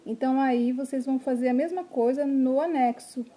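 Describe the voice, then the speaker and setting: A woman's voice: high-pitched, moderate pace, mellow, husky. A woman teaching a remote lesson to young children, spelling out syllables one at a time and checking in often to see if they follow. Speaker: primary school teacher.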